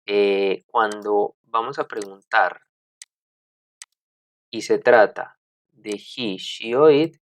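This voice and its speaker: A man teaching an English grammar lesson, speaking deliberately with frequent fillers, self-corrections and checks with the class. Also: fairly low pitch, no echo. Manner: deliberate, repeats points and checks with "¿cierto?".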